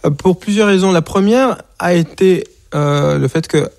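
A Rwandan singer and author in his forties is interviewed for radio or TV, speaking hesitantly with many fillers and repeated words. His voice sits high, moderate in pace, slightly mellow with vocal fry, and there's no room sound.

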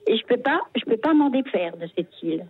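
An older Frenchwoman calling in to a radio show, talking haltingly with frequent restarts as she shares her memories. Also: fairly high pitch, lively intonation, husky, no room sound. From France. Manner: hesitant, halting, many restarts. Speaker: radio caller. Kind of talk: phone-in testimony. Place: her home. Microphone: telephone. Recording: phone line.

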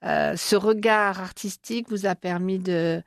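A woman hosts an interview in a studio, drawing her guest out with gentle, encouraging questions. She stumbles and restarts now and then. Her voice sits in a middle register and sounds close and dry. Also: medium pitch, steady tone, unhurried, creaky, no room sound. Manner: warm, encouraging, with frequent fillers and restarts. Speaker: show host. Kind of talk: interview conversation.

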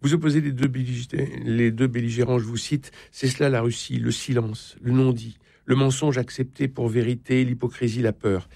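Gravelly-voiced male interviewer. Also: medium pitch, steady tone, mellow, dry recording. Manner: reads passages with measured delivery. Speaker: interviewer, host. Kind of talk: interview, reading excerpts aloud.

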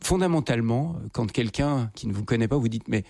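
A man working as a radio interviewer, asking measured questions and summing up his guest's life story. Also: medium pitch, lively intonation, gravelly, darkish tone, dry recording, studio quality. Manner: measured, guiding questions with summaries.

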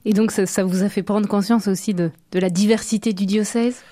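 A woman hosting a radio interview, asking gentle, measured questions. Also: mid-range voice, steady tone, no room sound, studio quality.

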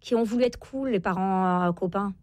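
A woman's voice: medium pitch, normal speed, darkish tone, no room sound. Woman, 40s, radio interview guest, hesitant with many fillers, dry close sound. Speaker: guest author.

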